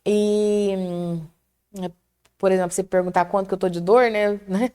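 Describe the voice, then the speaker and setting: Middle-aged Brazilian woman, lively storyteller sharing her faith, fervent and chatty. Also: medium pitch, normal speed, smooth. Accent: Brazilian Portuguese. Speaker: prayer group guest. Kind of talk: casual testimony chat.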